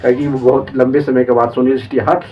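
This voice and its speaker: A man's voice: mid-range voice, little pitch movement, quick pace, distant mic, lo-fi sound, soft background music. A man giving casual, rambling gossip commentary on a TV show, repeatedly addressing viewers as friends and brother. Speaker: entertainment news commentator.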